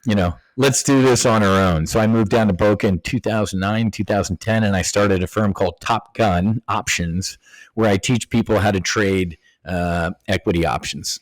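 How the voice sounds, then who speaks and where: Man, middle-aged, low-pitched, casual storyteller, slangy, does quoted voices, dry close recording. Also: normal speed, dry recording, low-quality recording. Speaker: guest, former Navy fighter pilot turned options trader. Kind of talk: conversational storytelling interview.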